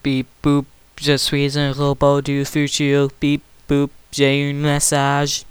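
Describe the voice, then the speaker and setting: A man's voice: a little high, completely flat delivery, takes it slowly, slight background noise, voice pushed down. A man voicing a doom-saying robot from the future in an amateur comedy sketch, chanting "beep boop" between his lines. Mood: mechanical.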